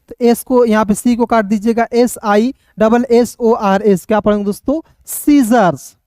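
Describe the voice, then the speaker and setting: Mellow-voiced man teaching pronunciation. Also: extremely high pitch, no room sound, clean studio sound. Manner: spells words out letter by letter, slowly and deliberately; repetitive, coaxing, keeps addressing viewers as friends. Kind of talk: online spoken lesson.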